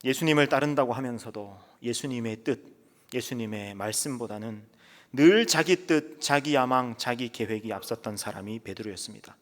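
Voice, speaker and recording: A man's voice: medium pitch, fairly quick, fairly bright tone. A male pastor preaching a sermon in dramatic storytelling fashion, often letting phrases trail off to a whisper. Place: church sanctuary. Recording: long church reverb.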